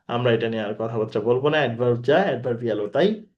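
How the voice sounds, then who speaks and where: A man's voice: mid-range voice, fast talker, darkish tone, muffled recording. A man giving a recorded exam-prep grammar lecture, who repeats his key points, asks the class rhetorical questions and mixes English words into his talk. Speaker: teacher.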